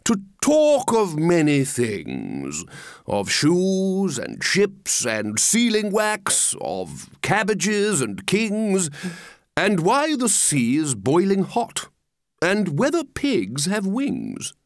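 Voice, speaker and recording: Guy doing a greedy walrus from a kids poem, really slow n grand, fake-sorry, swoopy voice. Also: sits high, huge pitch swings, dry recording, clean studio sound, voice pushed up, exaggerated voice. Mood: grandly declaiming. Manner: slow, drawn-out, grandiose delivery. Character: pompous, falsely sympathetic walrus, smooth-talking and greedy. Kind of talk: storybook verse character reading.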